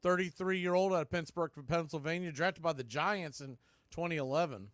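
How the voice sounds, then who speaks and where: Pitch by pitch, this man hosts and calls a live baseball radio broadcast, speaking in clipped phrases and dropping brief asides between deliveries. He talks at normal speed in a slightly high, a bit bright voice, captured close with a dry recording.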